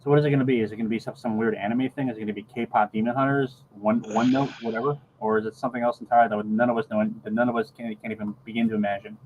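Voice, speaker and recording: A middle-aged man chatting casually on a video call, rambling and halting, often repeating words as he gathers his thought. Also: lowish voice, steady tone, a little mellow. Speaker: podcast co-host. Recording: dull lo-fi video call, faint background noise.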